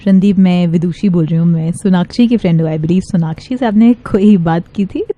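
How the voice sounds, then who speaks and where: Female prank caller, warm and mellow, playful and flirty, dry recording. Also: lowish voice, brisk, no echo, lo-fi sound. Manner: soft, teasing, flirtatious. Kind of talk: prank phone call.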